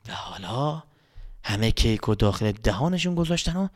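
A man narrating a children's story, animated, with exclamations and dramatic whispers. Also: mid-range voice.

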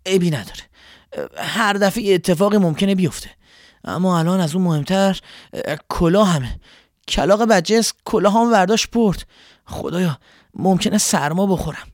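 A man's voice: high voice, no echo, studio quality, natural voice. A man voicing a kind old scarecrow. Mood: worried. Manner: soft, reassuring. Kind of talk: storybook voice acting.

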